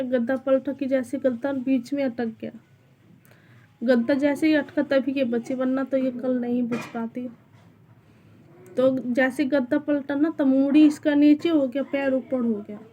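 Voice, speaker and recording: A woman's voice: high-pitched, dark tone, slight background noise. A young woman vlogging casually from a small rented room at home, anxiously telling how a scare unfolded. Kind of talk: casual home vlog chat.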